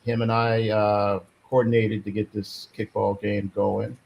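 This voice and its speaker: A man's voice: on the low side, little pitch movement, a little slow, creaky, dull audio, a little hiss or hum. A man in his fifties hosting a casual, chatty group recap. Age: 50s. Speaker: host. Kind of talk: casual reunion recap chat.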